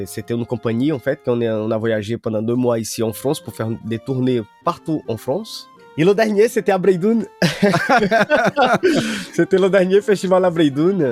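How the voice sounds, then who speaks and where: A man from northern Brazil, a native Portuguese speaker with a medium-pitched, slightly mellow voice, speaks as a guest musician in a radio interview. He sounds hesitant, with lots of fillers and restarts.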